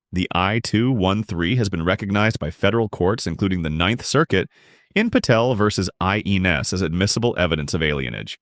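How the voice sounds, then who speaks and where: A man giving scripted narration that explains legal rights in a measured, emphatic way. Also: lowish voice, no echo, studio quality.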